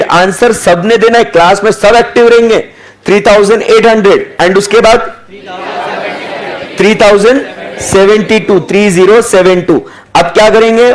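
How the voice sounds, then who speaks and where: The recording is rough, and the voice is high: a young Indian man giving a live online accounting lecture. Mixing Hindi and English, he dictates figures in a slow, deliberate way and pushes his students for answers.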